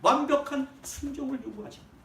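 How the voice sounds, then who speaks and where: A man's voice: a little fast, vocal fry. A man preaching a sermon, emphatic, swinging his voice up and down to drive points home. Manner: emphatic preaching with sharp swings in pitch and volume. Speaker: pastor. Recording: roomy echo, voice from a distance, faint background hum.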